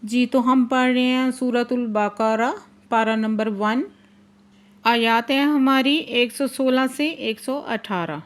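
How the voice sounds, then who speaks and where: A woman teaching Quran recitation, chanting verses slowly and drawn out, then explaining the rules briskly. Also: a little high, fairly even intonation. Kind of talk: tajweed lesson, slow chanted recitation then quick explanation.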